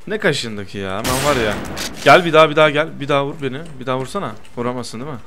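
A young man doing lively gameplay commentary, teasing his friend and protesting loudly to his viewers. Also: mid-range voice, racing. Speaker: gaming YouTuber.

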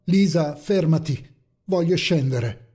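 A man's voice: a little high, takes it slowly, husky. A man voicing a terrified young man in an audio horror story, pleading shakily and stammering. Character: terrified young man praying for his life. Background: faint dark ambient music.

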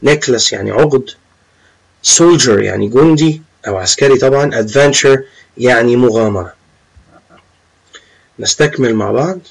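A young man with an Egyptian Arabic accent teaching a lesson, reading English words slowly and then explaining them. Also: medium pitch, gravelly, slightly rough, poor audio. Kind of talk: classroom-style lesson explaining vocabulary.

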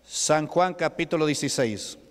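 A man's voice: fairly high pitch, normal speed. A male pastor preaching a Pentecostal sermon in a church hall, asking the congregation questions. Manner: asks the congregation rhetorical questions. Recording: echoey church hall with long reverb.

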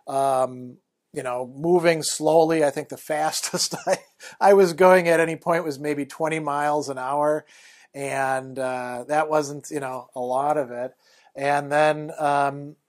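A middle-aged man with a fairly high voice tells a personal story to the camera, animated and conversational, leaning on plenty of fillers. He's recorded on a lapel mic in a small room, sitting before a plain wall.

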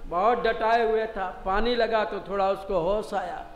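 High-voiced, slow male katha preacher. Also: fairly even intonation, dull audio. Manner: humorous, moralizing, addresses audience as brothers. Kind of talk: devotional storytelling sermon with sung verses. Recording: echoey hall with background music.

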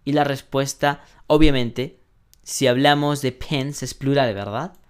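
Male language teacher, unhurried, patient step-by-step delivery, mid-pitched, keyboard clicks behind. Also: steady tone, clear, resonant tone. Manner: patient, explains step by step with frequent "ujú" and "¿no?"; slows down sharply when pronouncing English examples. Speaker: English teacher. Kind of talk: online English lesson taught in Spanish.

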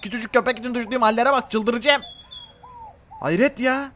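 Brief: high-voiced, rapid young man, excitable game role-play, faint game ambience behind. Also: a little hiss or hum. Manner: excitable, exasperated, exclaiming. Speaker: gamer role-playing in a game.

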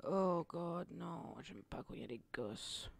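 Lively young woman commentating a game. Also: fairly low pitch, a little slow, vocal fry, husky. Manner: expressive, exclaiming, jokey, laughs often. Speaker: gaming video creator. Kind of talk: let's play commentary.

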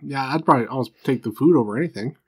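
Husky man making joking asides. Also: mid-range voice, rapid-fire, a little mellow, no room sound, clean studio sound. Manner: joking asides, laid-back banter. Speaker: podcast co-host. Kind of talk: casual true crime podcast chat.

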